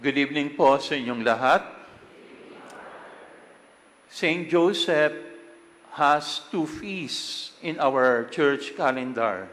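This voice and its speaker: A Filipino-accented priest preaches and chants at a slow, deliberate pace, his slightly high voice trailing into a long cathedral echo. He moves between English and Filipino as he speaks, and the wide church space adds a lasting reverb to every phrase. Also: fairly bright tone. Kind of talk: chanted liturgy and homily at Mass. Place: large church.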